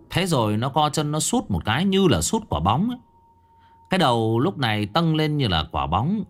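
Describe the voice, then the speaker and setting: A man narrating a ghost story in a dramatic, animated storytelling manner. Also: mid-range voice.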